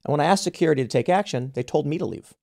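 A man's voice: fairly high pitch, expressive, rapid-fire, vocal fry, a little mellow. A man in his thirties from the United States, hosting a podcast and telling an indignant story full of restarts and repeated words. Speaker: podcast host. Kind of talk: casual podcast conversation.

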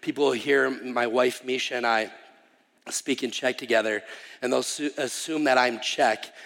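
Recorded in a reverberant church sanctuary, a missionary guest preacher in his thirties from Wisconsin gives a chatty, self-mocking sermon introduction, repeatedly restarting and saying um. He speaks unhurriedly at a medium pitch, steady and gravelly yet fairly bright.

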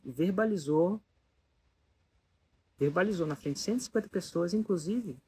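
Someone tells a story casually and with animation to an audience, tossing out rhetorical questions to listeners. The voice is medium-pitched at normal speed, with a little hiss or hum in the recording.

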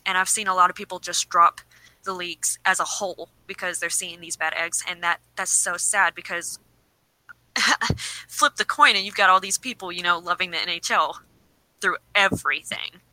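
Woman podcast co-host, very bright tone, earnest and pleading, a little shaky from the cold, dry sound. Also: lowish voice, steady tone, moderate pace, no echo, rough recording. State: shivering, slightly shaky voice. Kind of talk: casual chat. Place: cold room.

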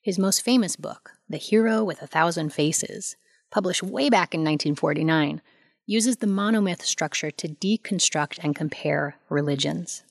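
A woman narrating a documentary in a measured, scripted way. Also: sits low, gravelly, dry recording.

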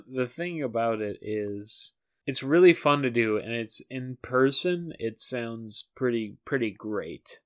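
Earnest podcast man, smooth clear voice. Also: medium pitch, animated, slow pace. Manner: earnest, keen to correct himself. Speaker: podcast co-host. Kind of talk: casual chat.

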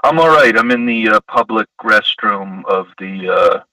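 A man's voice: fairly low pitch, expressive, normal speed, pushed and bright, no echo. Guy on a phone call, dry sound, kinda far off, chill upbeat chat. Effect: heard over a phone line. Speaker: caller. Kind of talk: casual chat. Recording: distant call-in phone audio.

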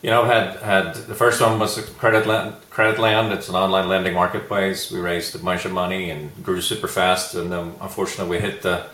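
A man from Sweden, a guest entrepreneur, telling his story in a relaxed, reflective interview. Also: low voice, a little fast, few pauses, echoey room, poor audio. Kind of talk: casual interview chat.

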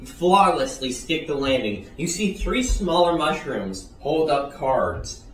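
A man runs a tabletop game and narrates the action in a lively way, laughing often. His voice sits fairly high. It comes from a little away from the mic in an echoey room with faint noise behind. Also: slow, recorded from a distance. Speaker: game master.

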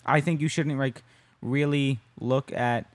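A man's voice: mid-range voice, fairly even intonation, unhurried, dry recording. Man chatting casually on a podcast. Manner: conversational, keeps checking in with "right?". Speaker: podcast co-host and jiu-jitsu competitor.

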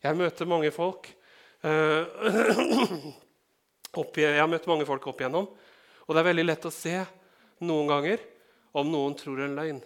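A Norwegian pastor preaches with a fairly high voice and fairly even intonation. He speaks to the congregation casually, asking questions and inserting light, humorous remarks.

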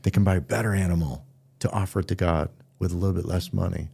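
A man's voice: low-pitched, steady tone, quick pace, vocal fry, dark tone, slightly rough. A middle-aged man, a pastor co-hosting a podcast, talking earnestly and telling stories in a casual conversation. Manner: earnest storytelling, acts out quoted voices.

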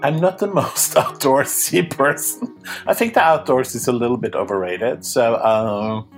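A man's voice: mid-range voice, a little slow, faint music behind. A man from Norway, a podcast guest, chatting casually and laughing easily. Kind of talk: casual interview chat.

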